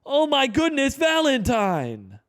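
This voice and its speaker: A man in his early twenties giving casual play-by-play commentary over a basketball video game, excitable and breaking into sudden shouts. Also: very high voice, takes it slowly, dry recording, clean studio sound. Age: 20s. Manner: excitable, calls plays aloud with sudden shouts. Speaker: gaming YouTuber.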